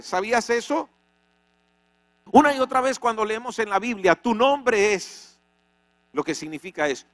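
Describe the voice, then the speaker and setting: A pastor preaching a sermon, dramatic, with many rhetorical questions. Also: male voice, sits high, fairly bright tone, no echo. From Venezuela. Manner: dramatic, rhetorical questions, acts out quoted voices. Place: church.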